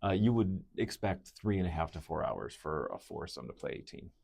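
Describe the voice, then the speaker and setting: A man's voice: sits low, lively intonation, a little fast, vocal fry, a little mellow, slightly rough. A man co-hosting a casual podcast, easygoing and joking as he tells stories. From Wisconsin. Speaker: podcast co-host, financial advisor.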